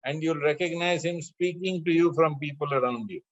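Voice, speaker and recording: A man teaching spiritual lessons in a measured way, chanting scripture verses between his explanations. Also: fairly high pitch, no echo, muffled recording. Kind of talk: spiritual discourse with scripture recitation.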